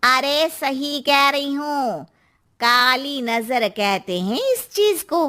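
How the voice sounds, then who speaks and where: A woman voicing a gossipy older neighbor aunt who speaks in slow, ominous warnings in a cartoon story. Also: sits high, lively intonation, bright, forceful tone, full character voice.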